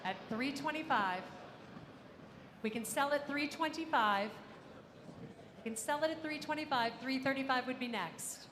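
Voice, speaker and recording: Female auctioneer, high voice, repetitive live bid calling, big reverberant room with clear background noise. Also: moderate pace, long pauses. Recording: echoey hall, ambient noise.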